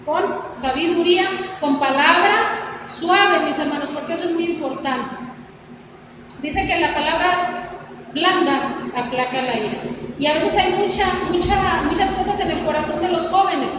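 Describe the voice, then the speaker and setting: A woman's voice: very high-pitched, a little slow. A middle-aged woman preaching an earnest, exhorting sermon to her congregation. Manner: earnest, exhorting, addresses congregation as "mis hermanos". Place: church hall. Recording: echoey church hall mic from far off with noise.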